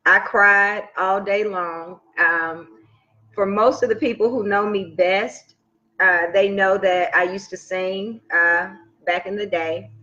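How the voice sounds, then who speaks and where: A woman's voice: medium pitch, fairly even intonation, slow, sharp tone. A woman co-hosting a casual radio show, telling a story in a heartfelt way. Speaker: co-host. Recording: dull lo-fi livestream audio.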